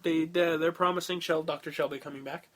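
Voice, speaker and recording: An easygoing man co-hosts a casual podcast chat. His voice sits high for a man, and he keeps the talk moving from item to item. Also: fairly even intonation, brisk, a bit bright. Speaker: podcast co-host.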